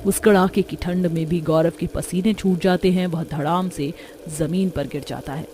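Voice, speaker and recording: A woman's voice: lowish voice, fairly even intonation, normal speed, warm tone, slight background noise. Woman narrating a horror cartoon. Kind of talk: scripted storytelling narration.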